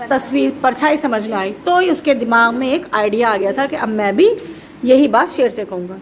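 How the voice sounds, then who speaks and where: High-voiced woman telling a children's story. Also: slight background noise. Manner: animated, asks the children questions. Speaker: teacher.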